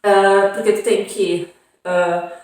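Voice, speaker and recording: A woman's voice: medium pitch, steady tone, slow pace, a little mellow. A young Brazilian woman with a southern Brazilian accent, chatting casually as a vlogger and tossing in frequent tag questions and fillers. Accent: southern Brazilian Portuguese. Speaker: vlogger on an exchange program. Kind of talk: casual chat. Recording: very echoey room, far from mic.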